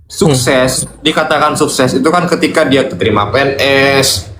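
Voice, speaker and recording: A man's voice: medium pitch, moderate pace. A young man giving a candid, reflective personal testimony in conversation. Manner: candid, reflective, self-critical. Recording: echoey room with faint noise.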